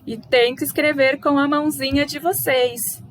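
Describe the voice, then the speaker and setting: A woman's voice: high-pitched, steady tone, moderate pace, a little hiss or hum. A Brazilian woman teaching a primary school language lesson to children in a coaxing, sing-song manner. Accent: Brazilian Portuguese.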